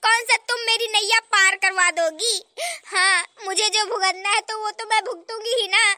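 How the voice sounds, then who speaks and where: A woman's voice: very high voice, fairly even intonation, moderate pace, bright, forceful tone, dry recording, exaggerated voice. A woman voicing an older village mother-in-law in a cartoon, complaining melodramatically about her daughter-in-law. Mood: aggrieved. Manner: self-pitying, complaining, melodramatic. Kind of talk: cartoon voice acting.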